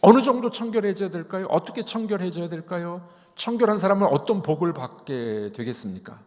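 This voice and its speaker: A man preaches a sermon from a church pulpit, his voice rising and falling widely and sitting slightly high for a man. He moves from quiet asides to loud emphasis and keeps asking the congregation questions. A long reverb from the large sanctuary trails each phrase. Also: a little fast. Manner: animated preaching, swinging loud and soft, many rhetorical questions. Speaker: senior pastor.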